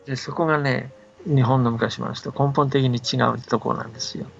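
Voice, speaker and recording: This is casual explanatory radio talk about folktales from an older man who patiently walks through ideas and often seeks the listener's agreement. His gravelly voice is medium-pitched and steady, moving at a moderate pace with soft music behind it. Sound quality is dull and band-limited, with faint noise.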